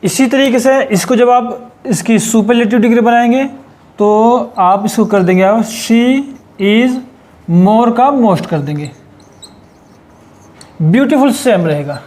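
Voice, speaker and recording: High-voiced man patiently teaching grammar. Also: darkish tone. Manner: patient, repeats and rephrases, checks with "ठीक है ना"; slows down to spell out English example sentences. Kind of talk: explanatory lesson.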